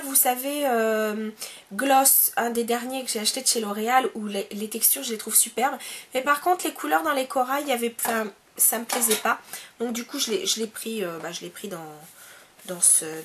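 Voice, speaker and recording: A woman's voice: fairly high pitch, fairly bright tone. A woman from France chatting casually in a beauty haul video at home, with many hesitations. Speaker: beauty vlogger.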